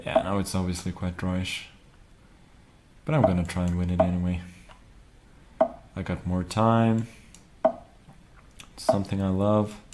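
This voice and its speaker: A man casually commenting on his own chess game as he plays, wry and relaxed. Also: deep voice, a little slow, long pauses, very noisy.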